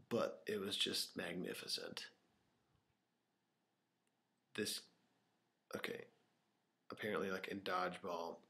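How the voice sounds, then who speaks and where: Deep-voiced young man rambling to camera. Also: creaky, bright, forceful tone. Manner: rambling, many fillers, drops to a whisper at times. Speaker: vlogger. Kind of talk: unscripted casual storytelling to camera. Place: small empty room with open windows. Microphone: camera microphone.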